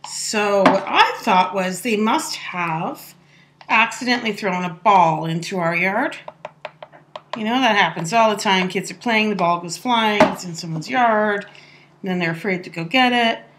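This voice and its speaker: A woman's voice: mid-range voice, measured pace, fairly bright tone, a little hiss or hum. A woman telling a funny story in a casual, chatty voice-over, laughing often as she talks. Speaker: soap maker telling a story.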